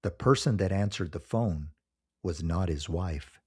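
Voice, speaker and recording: A man narrating a scripted horror story in a measured, solemn storytelling manner. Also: low-pitched, darkish tone, slightly rough.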